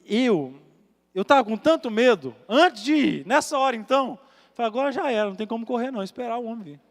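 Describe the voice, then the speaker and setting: Male pastor with a Minas Gerais accent, high voice, dramatic storytelling sermon in a long-reverb church hall with soft music. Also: lively intonation, fast. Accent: Brazilian Portuguese, Minas Gerais. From Minas Gerais, Brazil. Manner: dramatic storyteller acting out voices, swinging from loud to hushed.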